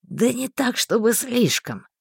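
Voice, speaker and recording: A woman voicing an impulsive young male fire mage who is eager and quick to flare up. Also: on the high side, sing-song, vocal fry, husky, no echo, studio quality, exaggerated voice.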